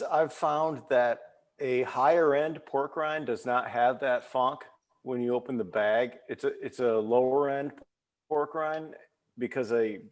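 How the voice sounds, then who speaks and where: Male co-host, chatty and enthusiastic, ordinary middle voice. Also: medium pitch. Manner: enthusiastic, rambling descriptions. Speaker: podcast co-host. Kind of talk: casual chat.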